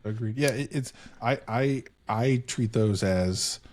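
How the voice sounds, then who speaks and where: A man's voice: mid-range voice, slow, darkish tone. A man co-hosting a leadership podcast, talking in an earnest and reflective way, close to the mic at home. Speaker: podcast co-host. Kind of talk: casual podcast chat. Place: home office.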